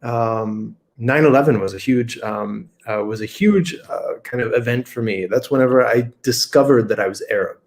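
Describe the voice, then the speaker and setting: Male guest from rural Kentucky, mid-pitched, casual and unscripted, lots of ums and restarts, on a video call. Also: moderate pace, hardly any pauses. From rural Kentucky, USA. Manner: thinks aloud, many fillers and restarts. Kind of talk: unscripted conversational interview.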